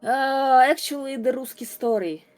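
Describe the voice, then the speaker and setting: A woman's voice: high voice, moderate pace, darkish tone, faint music behind. A young woman with a Russian accent, telling stories casually and bluntly in informal speech. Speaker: viewer telling a story on a call-in show. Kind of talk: casual storytelling.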